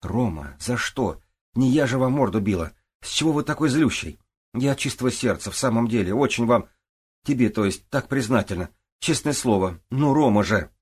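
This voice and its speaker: A man voicing a sharp-tongued young woman who pleads and snaps, in a raised voice. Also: sits low, moderate pace, husky. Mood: pleading. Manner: pleading, tart.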